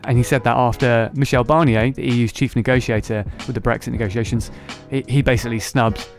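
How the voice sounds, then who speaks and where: With faint music behind him, a man speaks a little fast in a mid-range, fairly even voice. As host of a casual political podcast, he is sarcastic and ridicules others by imitating how they sound.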